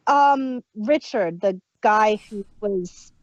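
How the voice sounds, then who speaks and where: A woman with a medium-pitched voice, speaking slowly, chats casually as a podcast co-host reviewing an audio drama. She laughs often and lets sentences trail off. The recording is dry, dull and muffled.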